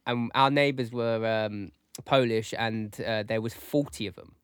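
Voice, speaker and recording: A man's voice: fairly low pitch, a little slow, smooth, dry recording, studio quality. Roadman-style young man, slangy podcast host. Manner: London roadman slang, animated storytelling with stammered repeats. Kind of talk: casual chat with slang.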